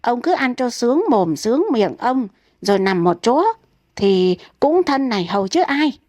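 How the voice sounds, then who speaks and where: A woman's voice: a little high, animated, unhurried, dark tone, dry recording. A fussing elderly wife nags and scolds without letup, as a woman reads her. She is anxious and insistent, a figure in a comic storybook. The recording is dry and close. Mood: nagging.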